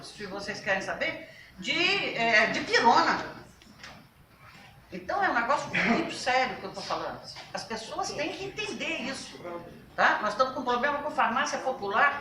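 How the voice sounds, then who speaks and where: A woman on a national health council gives an emphatic talk to a workshop, asking rhetorical questions and speaking loudly. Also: sits high, slight background noise. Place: workshop meeting room. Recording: roomy, from a distance.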